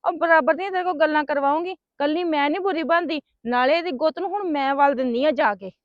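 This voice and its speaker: A woman's voice: high voice, fast talker, dry recording, close to an everyday voice. Woman playing a hot-tempered scolding niece. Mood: angry scolding. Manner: sharp, scolding, ranting. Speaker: angry niece heading to confront her sister-in-law. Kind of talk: amateur family drama skit. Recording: dry, dull lo-fi sound.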